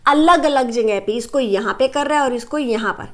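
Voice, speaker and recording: A woman's voice: on the high side, moderate pace, a bit bright. A young Indian woman teaching a maths lesson, explaining step by step in Hindi mixed with English terms and often checking in with "right?".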